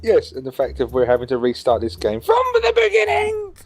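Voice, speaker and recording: A man's voice: mid-range voice, huge pitch swings, fairly quick, husky, soft background music. A British man co-hosting a gaming show, chatting casually in a rambling, teasing way. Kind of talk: casual banter over gameplay.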